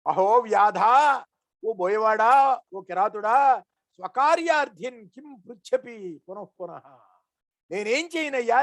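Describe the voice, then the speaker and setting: A woman giving a devotional discourse. She tells old stories with animation, chants Sanskrit verses slowly and then explains them. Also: sits high, dry recording, studio quality. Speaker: religious storyteller.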